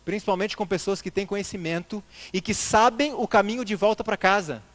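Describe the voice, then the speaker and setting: A man's voice: sits high, fairly quick, fairly bright tone. A man giving a church lecture, putting rhetorical questions to the congregation and calling them brothers. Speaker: church speaker.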